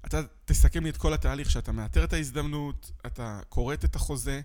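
A man's voice: on the high side, dark tone. A man with an Israeli accent hosting a casual interview, summing up and probing with practical objections. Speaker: podcast host.

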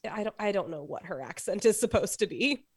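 Woman, mid pitch, casual podcast co-host, dry asides, dry close recording. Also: expressive, fairly quick, breathy edge, no echo. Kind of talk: casual movie discussion.

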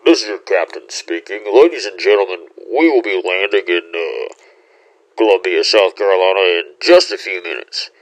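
An actor playing an airline captain making a formal landing announcement over the intercom. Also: male voice, low voice, moderate pace, no echo, natural voice, rough recording. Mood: announcing. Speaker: pilot.

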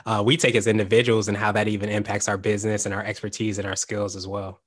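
A man's voice: fairly low pitch, little pitch movement, quick pace. A man hosting a business podcast, upbeat and chatty, often repeating words and restarting phrases as he speaks. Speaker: podcast host. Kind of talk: podcast interview.

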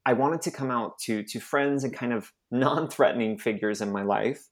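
This young adult man, an Arizona nonprofit staffer, tells his own story during an interview. He speaks in a mid-range voice, stopping and starting often as emotion breaks through.

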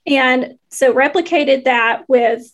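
A high-pitched woman speaks with a Georgia Southern accent. She talks as a panelist, casually explaining research and bantering with colleagues. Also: takes it slowly.

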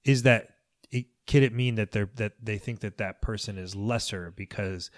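Man, low-pitched, emphatic, cuts in, restarts sentences, casual podcast chat. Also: moderate pace. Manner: emphatic, restarts a lot, interjects. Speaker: podcast host.

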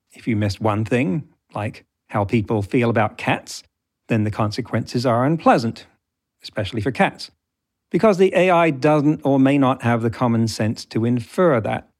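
A man's voice: mid-range voice, darkish tone. Wry male podcast host. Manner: wry, dry humour. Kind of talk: scripted podcast narration.

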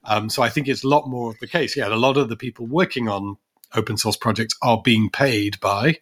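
A man's voice: medium pitch, fairly quick, fairly bright tone. A man co-hosting a podcast, talking through ideas thoughtfully with many restarts and asides. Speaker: podcast co-host. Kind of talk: conversational policy discussion.

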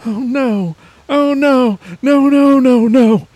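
A man voicing a hallucinating man who shouts frantic frontier-style warnings. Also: a little high, takes it slowly, slightly rough, pitched above the performer's own voice.

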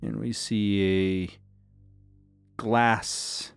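A man serving as game master, narrating scenes of a tabletop role-playing game in a slow, measured way. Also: fairly low pitch, level tone, gravelly, over music.

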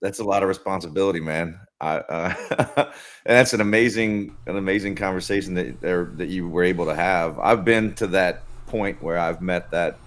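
Podcast host, man, very low voice, laid-back and casual, swears, says "man" a lot. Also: moderate pace. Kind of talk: casual conversation.

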